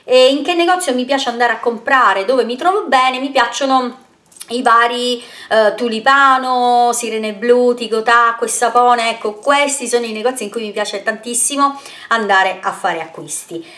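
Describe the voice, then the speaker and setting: A woman's voice: a little high, moderate pace, a bit bright. A woman beauty vlogger answering viewer questions in a casual Q&A video, chatty and rambling, sending kisses and pet names to her followers. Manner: rambling with frequent fillers and self-corrections.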